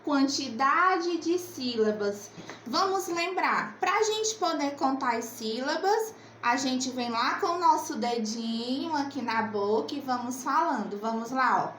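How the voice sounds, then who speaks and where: Lady teacher, high voice, slow and coaxing, echoey room. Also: lively intonation, a bit bright, a little hiss or hum. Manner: slow, coaxing, asks and answers her own questions. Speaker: primary school teacher. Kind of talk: remote literacy lesson.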